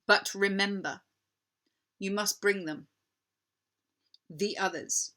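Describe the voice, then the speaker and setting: A woman's voice: mid-range voice, slow pace, pushed and bright. A woman voicing a queenly witch, slyly sweet and coaxing, in a commanding storybook manner. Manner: commanding, wheedling.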